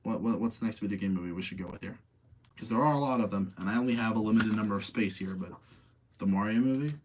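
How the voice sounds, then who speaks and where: A man hosting a live movie-rating chat talks fast in a lowish voice, casually airing strong opinions, arguing with himself, and repeating phrases for emphasis. The recording is very noisy.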